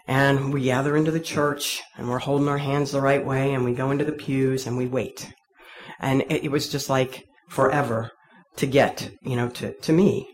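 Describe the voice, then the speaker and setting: A woman's voice: very deep voice, fairly even intonation, normal speed. A woman telling an audience her own faith story in a candid, wry, self-deprecating way. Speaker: speaker sharing a personal faith story. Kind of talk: personal testimony told to an audience.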